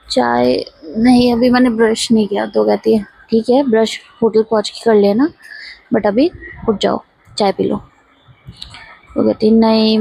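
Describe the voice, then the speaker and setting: Woman storyteller, casual retelling, gravelly, husky, dry close sound. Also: mid-range voice, no echo, low-quality recording. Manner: relaxed retelling with quoted dialogue.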